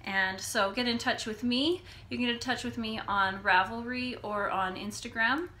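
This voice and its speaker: A woman's voice: on the high side, fairly even intonation, normal speed, pushed and bright. A woman co-hosting a casual podcast, with a nasal voice and an easy, laughing chat. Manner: chatty, laughs easily. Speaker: podcast co-host. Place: home room, recorded on a phone.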